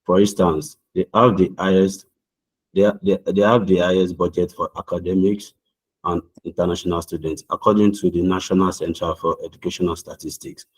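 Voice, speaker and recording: Speaking in a deep, husky voice with a level tone and fairly quick pace, a young man from Nigeria responds to practice visa interview questions on a video call. His Nigerian-accented answers are earnest and formal, with frequent restarts, and the recording is low quality.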